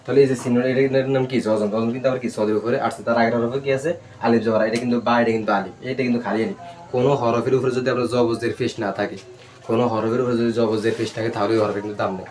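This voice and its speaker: A man teaching a Quran reading class, spelling Arabic letters out slowly and drilling them with repeated questions and answers. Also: medium pitch, fairly even intonation, a little mellow, faint music behind. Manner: slow, syllable-by-syllable recitation.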